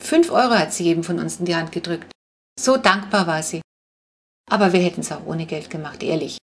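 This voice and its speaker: Lower-voiced woman reader; lively, expressive children's book narration. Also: a little fast, gravelly. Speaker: audiobook reader.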